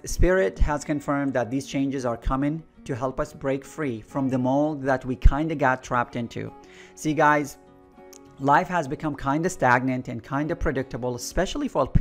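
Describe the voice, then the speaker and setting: This earnest Iraqi man hosts an energy intuitive channel and delivers a spiritual monologue straight to camera. He speaks at a mid pitch and repeats key phrases for emphasis, with soft guitar music faintly in the background.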